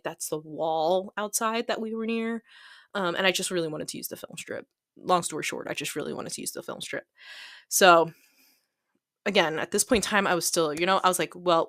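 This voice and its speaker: Over a hobby craft video, a woman with a fairly low, fairly bright voice chats casually and wanders off on tangents, giggling, poking fun at herself, and often saying her thoughts aloud. She is a hobby planner video creator, recorded dry with clean studio sound.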